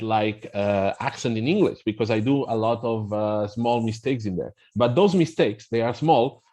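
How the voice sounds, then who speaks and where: The speaker is a middle-aged man from Spain with a Spanish accent and a medium-pitched, somewhat mellow voice. Appearing as a guest for a language app, he explains things in a halting, conversational way, full of fillers and restarts.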